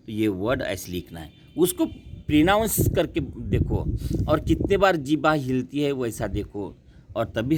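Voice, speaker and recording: A man teaching a class, slowly repeating words and asking and answering his own questions. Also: mid-range voice, slight background noise. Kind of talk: classroom lesson.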